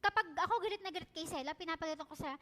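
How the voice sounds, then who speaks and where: A woman with a Filipino accent preaching a sermon in an animated way, acting out family scenes as she speaks. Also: very high voice, very fast, long reverb tail, slight background noise. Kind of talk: sermon mixing Tagalog and English. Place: church hall.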